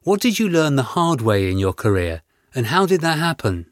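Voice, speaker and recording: A man reading a scripted interview with measured, announcer-like delivery, introducing each extract and asking the questions. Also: mid-range voice, very animated, dry recording, clean studio sound. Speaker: interviewer and exam narrator.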